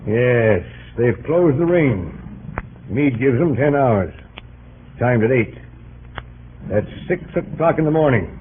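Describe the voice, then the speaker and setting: An actor playing a brisk, plain-spoken army general, businesslike and commanding, in old radio drama style. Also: male voice, mid-range voice, lively intonation. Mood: sober reporting. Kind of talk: 1940s radio acting. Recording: old noisy radio, phone-like band.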